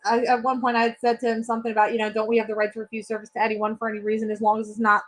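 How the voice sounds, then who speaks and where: A young woman telling a story in casual podcast chat, animated and profane, laughing often. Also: a little high, rapid-fire. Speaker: podcast co-host.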